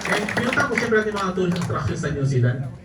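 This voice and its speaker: In a high, sing-song voice, a network marketing speaker rattles through humorous travel stories for a live crowd, laughing often. The sound comes from a distant mic in an echoey event hall, with audience noise throughout.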